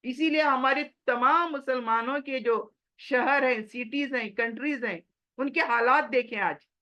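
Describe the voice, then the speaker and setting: A woman's voice: high-pitched, unhurried, sharp tone. A woman giving a religious lesson in an earnest, exhorting manner, slipping English phrases into her talk. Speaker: Quran teacher.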